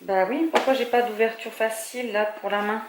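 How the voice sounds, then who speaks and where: A woman's voice: fairly high pitch, normal speed, noisy background. A woman vlogger chatting casually at home, thinking aloud with small hesitations as she goes. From France. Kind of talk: casual chat.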